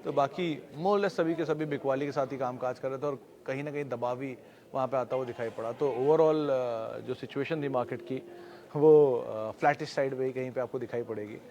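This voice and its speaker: A man hosting a stock market show, giving a steady explanatory rundown with frequent hesitations. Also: medium pitch, moderate pace. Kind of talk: daily stock market wrap-up.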